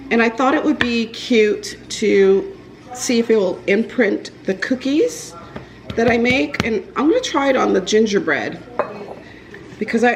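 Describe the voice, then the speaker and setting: A woman's voice: mid-range voice, a little hiss or hum, low-quality recording. A woman chatting casually in her home kitchen as she bakes cookies for her vlog, rambling with many fillers and restarts. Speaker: vlogger. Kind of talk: casual baking vlog chat.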